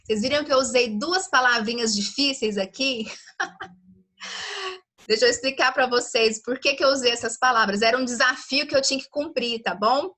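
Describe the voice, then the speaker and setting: A woman's voice: fairly high pitch, a little fast, few pauses, pushed and bright. A woman teaching a women's Bible study in a livestream, chatty and full of rhetorical questions. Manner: conversational, asks rhetorical questions, frequent "né?".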